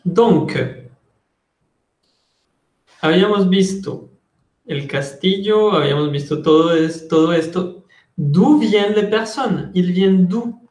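A high-voiced male French teacher speaks slowly and deliberately in an online language lesson, switching between French and Spanish explanations. His tone is darkish, and his earphone headset mic on the video call picks up an echoey office with window blinds.

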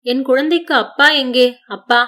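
A woman's voice: high voice, moderate pace, pushed and bright. A woman doing a pleading, bewildered young mother. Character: distraught young mother, lost and confused.

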